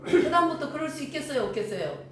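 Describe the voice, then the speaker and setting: With a high voice and quick delivery, an older woman preaches and tells lively stories, performing the characters' dialogue. The sound comes from a distance in an echoey room, with faint ambience.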